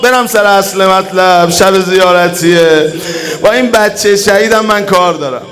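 High, bright-voiced man chanting a mourning lament. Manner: switches between quick spoken asides and slow sung lines, urging listeners to weep. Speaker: religious eulogist leading a mourning gathering. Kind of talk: chanted and sung mourning lament with spoken asides. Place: religious gathering hall.

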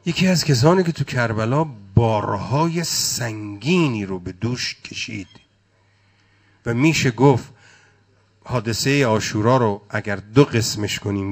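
This mid-range male voice preaches for mourners, reciting in a chant-like cadence. Deeply passionate, his delivery builds and subsides with emotion.

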